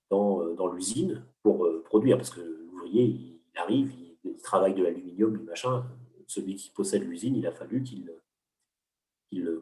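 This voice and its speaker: A deep, dark-toned voice belongs to an economics teacher patiently explaining ideas in an interview. His didactic delivery has many hesitations and restarts, and the audio is roomy, taken from a distance.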